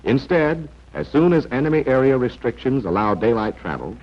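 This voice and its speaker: A man narrates a wartime-era training film with very animated pitch. He coaches and instructs as he goes. The old soundtrack is dull and clearly noisy. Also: moderate pace. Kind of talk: 1940s instructional film narration, addressing the agent directly. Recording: noisy, band-limited 1940s film soundtrack.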